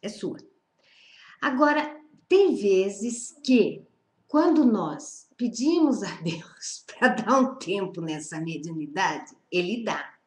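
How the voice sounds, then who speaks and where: A woman guides a spiritual study group in a relaxed, conversational way. Her voice sits in a middle range, and she circles back over her own phrases as she asks the room for agreement. The recording carries a noticeable roomy echo. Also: mid-range voice, slow. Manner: conversational, repeats phrases, checks in with "não é?". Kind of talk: informal spiritual teaching talk.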